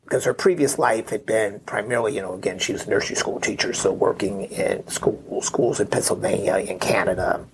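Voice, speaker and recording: On a rough recording with slight background noise, a middle-aged memoir author talks through a family story as a podcast guest. He rambles conversationally, tagging ideas with "right?" and "you know," in a lowish voice that runs a little fast with hardly any pauses.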